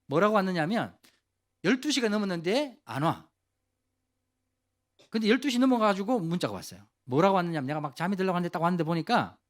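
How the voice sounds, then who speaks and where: Lively, high-voiced male pastor preaching. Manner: animated storytelling, casual speech to teens; asks the audience questions directly. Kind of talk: youth service sermon.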